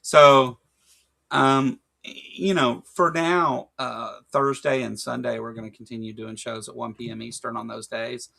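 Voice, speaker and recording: On a casual livestream, a man with a Kentucky accent co-hosts the chat, piling on fillers and jokes as he rambles. His mid-range voice is steady, a little slow, gravelly and sharp in tone.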